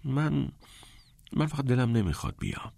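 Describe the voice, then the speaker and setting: A shy teenage schoolboy who hesitates and stammers, speaking soft and low, as a man acts him out. The voice is dry and close. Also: animated, creaky, no room sound. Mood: timid.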